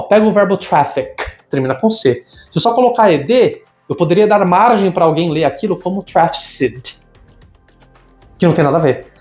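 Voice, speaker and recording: Lively male English teacher, echoey room. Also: on the high side. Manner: explanatory, lively, rhetorical questions. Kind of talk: recorded grammar lesson. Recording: echoey room with faint music.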